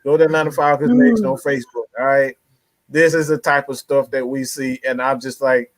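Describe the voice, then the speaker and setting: A man's voice: mid-range voice, brisk, no echo, rough recording. A man hosting a casual sports talk stream, stammering and exasperated, dramatic in his complaints. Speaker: sports talk host, fan group admin. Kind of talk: casual sports chat livestream.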